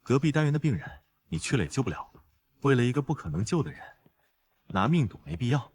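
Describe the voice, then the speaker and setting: A calm, tough soldier husband. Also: male voice, medium pitch, quick pace, slightly rough. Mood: steady. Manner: calm, clipped and assured.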